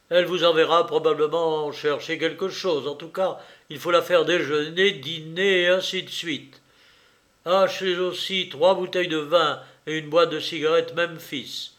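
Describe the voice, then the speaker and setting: An impatient army lieutenant, as a male reader voices him, lecturing and giving orders. His voice sits somewhat high and carries a clipped, commanding tone. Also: a little slow, fairly bright tone. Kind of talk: audiobook character reading.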